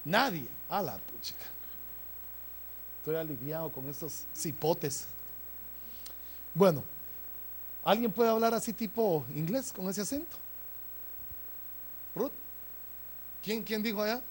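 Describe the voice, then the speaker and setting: A pastor delivers a sermon to his congregation in a notably high-pitched voice. He keeps turning to the listeners with brotherly asides and pushes his points with rising emphasis. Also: expressive, slow, long pauses, slight background noise. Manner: preaching with frequent "hermano" asides, rising emphasis.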